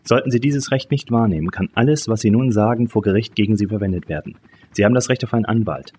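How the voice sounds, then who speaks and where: A man's voice: lowish voice, mellow, slight background noise, lightly acted. A man voicing a small female police detective who speaks formally and evenly, with music behind. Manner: formal, measured.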